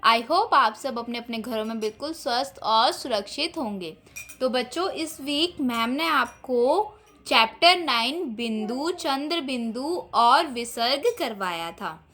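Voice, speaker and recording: A woman teaching an online Hindi lesson to young children, reading words and a rhyme aloud slowly and clearly in a sing-song way. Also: fairly high pitch, expressive, bright, forceful tone. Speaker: primary school teacher.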